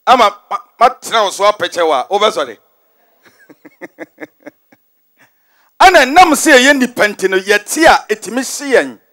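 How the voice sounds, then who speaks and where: A man with a Ghanaian accent preaches in a high voice, hammering his points through repetition. He drops English phrases into his sermon in a large stadium. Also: big pitch swings, takes it slowly, long pauses, sharp tone. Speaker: prophet preaching.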